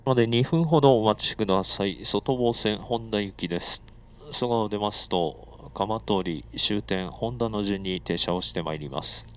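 A man with a fairly low voice speaks at normal speed, making formal, polite announcements as conductor of a moving commuter train. His voice comes through a muffled onboard speaker with noise, against faint train and air-conditioning sounds.

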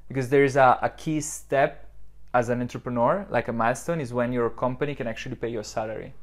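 A man's voice: medium pitch, steady tone, quick pace. A young man in his twenties from southern Switzerland, a startup founder answering reflectively in a podcast interview with lots of fillers, recorded on a lapel mic in an office lounge. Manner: reflective, many fillers and restarts. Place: modern office lounge, indoors.

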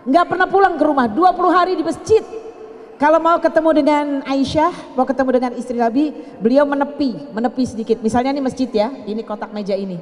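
A woman's voice: high voice, quick pace. An older woman preaching to a women's gathering at a mosque, chatty and playful, teasing her listeners. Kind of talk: sermon. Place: mosque hall. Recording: long hall reverb.

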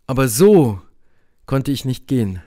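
A man reading a literary story aloud in slow, measured, somber narration. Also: medium pitch, very animated, warm tone. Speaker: audiobook reader.

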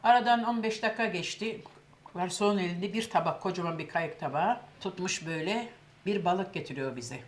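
A woman's voice: fairly low pitch, brisk. An older woman, casually telling a long anecdote and acting out what others said. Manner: lively storyteller, acts out quoted voices. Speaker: cooking show host telling a story.

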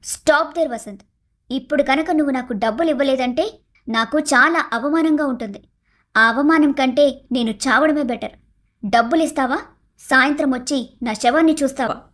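A high, piercing voice of a young cartoon wife, acted by a woman, forever discontented and demanding. She whines, taunts and shouts her complaints, scornful and self-pitying. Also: normal speed. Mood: complaining. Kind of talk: animated cartoon story voice acting.

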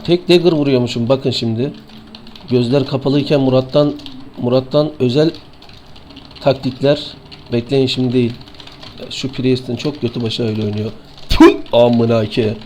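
A man with a Turkish accent streaming an online game, sleepy and excitable, swearing and taunting opponents as he plays. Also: mid-range voice, moderate pace, pauses often, a little hiss or hum. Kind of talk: live gameplay commentary.

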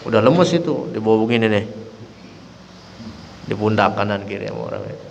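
A man's voice: on the low side, animated, brisk, creaky, in a large hall, a little hiss or hum, poor audio. A man giving a dawn sermon as an Islamic teacher, telling the story vividly and acting out the quoted voices. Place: mosque hall.

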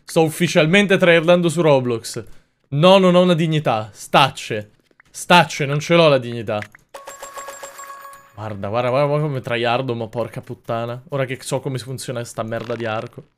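A young man commenting on a video game as a streamer, swearing a lot, mocking himself and bursting into loud yells. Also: medium pitch, moderate pace. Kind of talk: gaming commentary.

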